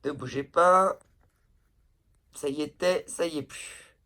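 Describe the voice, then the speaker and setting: A woman's voice: low voice, slow, fairly bright tone. A woman chatting casually to her phone camera indoors, blunt and swearing freely as she tells everyday stories. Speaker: vlogger. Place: indoors, pillow behind her.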